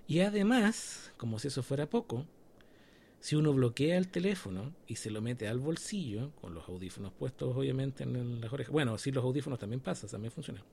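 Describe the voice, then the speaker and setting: A man's voice: medium pitch, expressive, a little fast, gravelly, mellow, breathy edge. A Chilean man co-hosting a podcast in casual chat, explaining things step by step and checking in with his listeners. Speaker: podcast co-host.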